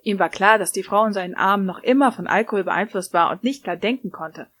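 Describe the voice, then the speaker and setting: A woman reading a story aloud in an even, unhurried way. Her voice sits at a middle pitch for a woman, and she keeps to steady scripted narration. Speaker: story reader.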